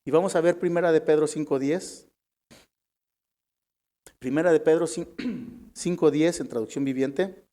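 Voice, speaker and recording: Man, Mexican Spanish accent, preacher, unhurried sermon delivery, higher voice. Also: dark tone. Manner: addresses listeners as brothers, reads scripture aloud.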